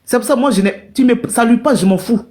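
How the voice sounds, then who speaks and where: A woman's voice: on the high side, fast, darkish tone. A woman on a live stream telling her own hard story to her viewers, emotional and repetitive, calling out to people in the chat.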